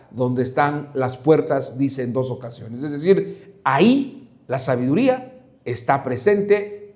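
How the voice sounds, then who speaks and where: A man teaching a Bible study on Proverbs, animated, with frequent fillers and restarts. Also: on the high side. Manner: animated, acts out shouts and whispers in examples. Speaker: preacher.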